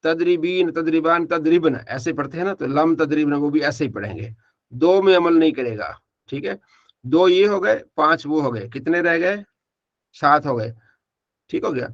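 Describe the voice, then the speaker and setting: A man with a slightly raised pitch teaches an online grammar class. He works through verb forms one by one and asks questions before he answers them. The recording is dull and lo-fi. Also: fairly bright tone. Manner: drills students by asking and answering his own questions, repeats forms.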